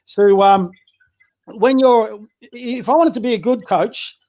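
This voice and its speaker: A community basketball coach with a high voice takes it slowly on a relaxed political podcast, sounding a little mellow. He's opinionated and direct, peppering listeners with rhetorical questions and tripping into restarts as his point builds.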